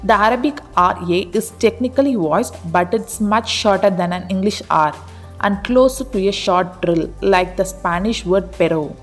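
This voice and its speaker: A woman narrating a pronunciation explainer in an even, read-aloud delivery. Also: medium pitch, normal speed, faint music behind. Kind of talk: scripted narration of an article.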